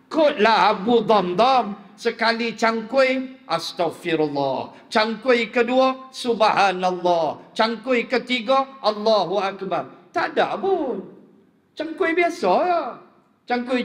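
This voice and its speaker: A man with a northern Malaysian accent, preaching a sermon as a lively storyteller who jokes with his audience. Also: very high-pitched. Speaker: religious preacher. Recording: reverberant hall.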